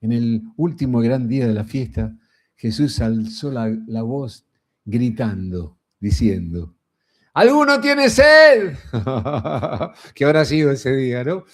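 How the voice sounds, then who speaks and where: Folksy Rioplatense preacher man, mellow tone. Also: medium pitch, measured pace. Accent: Rioplatense Spanish. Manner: folksy and conversational, frequent rhetorical "¿no?". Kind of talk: sermon.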